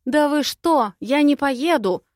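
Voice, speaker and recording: A feisty young bride in a storybook, high and shrill, firing off exasperated, sarcastic outbursts, as a woman reader voices her. Her cries come out loud and sharp, in a dry, close recording. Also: normal speed, no echo, lightly acted. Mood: panicked.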